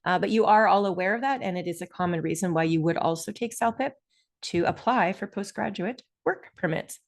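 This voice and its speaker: With a medium-pitched voice and a Canadian accent, this Ontario woman presents a webinar, laying out ideas with clarity and care and putting emphasis on the key terms.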